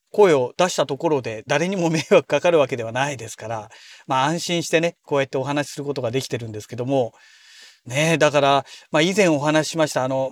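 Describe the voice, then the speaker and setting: A man hosting a daily audio log from inside a car, talking in a polite, chatty way with many soft fillers. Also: on the high side, dry recording. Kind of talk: casual solo talk.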